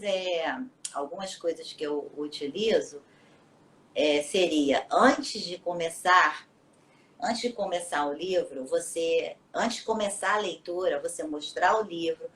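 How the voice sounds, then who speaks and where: A woman's voice: lowish voice, a bit bright. Woman teacher explaining patiently. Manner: patient, explanatory, frequent tag questions. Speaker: teacher and children's book author. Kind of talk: casual interview on a live stream.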